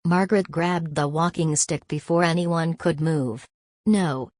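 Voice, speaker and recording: A woman giving scripted narration of a family drama in a dramatic, measured way. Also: deep voice, steady tone, darkish tone, no echo.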